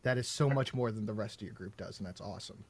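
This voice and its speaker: A man calling into a casual livestream debate, asking questions in a halting way. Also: lowish voice, darkish tone, slightly rough.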